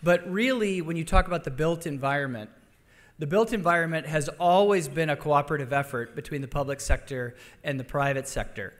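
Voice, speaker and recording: A man from Denver giving a conference luncheon speech, halting with restarts and fillers. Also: on the high side. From Denver, Colorado. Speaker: conference speaker. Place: large conference hall. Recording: long hall reverb.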